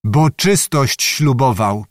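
A man's voice: medium pitch, expressive, unhurried, no room sound, close to an everyday voice. A man reading as a dry, ironic young lieutenant.

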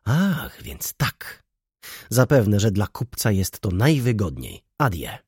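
A man's voice: on the low side, very animated, slow pace, a little mellow, breathy edge, no echo, studio quality, exaggerated voice. A man voicing an agitated, proud noblewoman who speaks in an indignant, trembling tone.

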